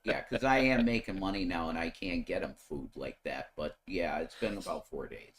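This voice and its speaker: A man's voice: low voice, moderate pace, slight background noise. A man co-hosting a stream, speaking emphatically and giving firm opinions in casual chat.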